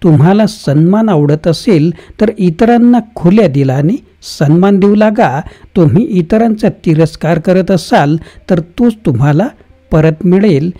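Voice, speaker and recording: A narrator reading a self-help book summary in a steady, even scripted narration with no fillers. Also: medium pitch, unhurried.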